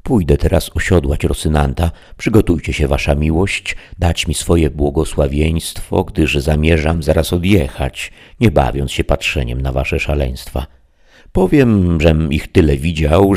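A man voicing a blustering, excitable peasant squire in a loud, folksy way, reading an audiobook. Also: a bass voice, a little slow.

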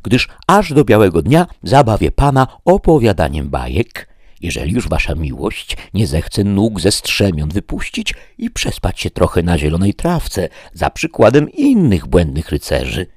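A man voicing a timid, pleading peasant squire who talks high and strained. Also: a little mellow, breathy edge, no room sound, studio quality, full character voice. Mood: eager.

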